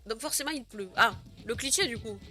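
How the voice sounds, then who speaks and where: A woman's voice: fairly high pitch, sing-song, unhurried, bright, forceful tone, soft background music. A young woman streamer chatting casually with her viewers, giggling often and filling her talk with "euh" and "genre". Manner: chatty, giggly, many fillers. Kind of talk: casual live stream chat.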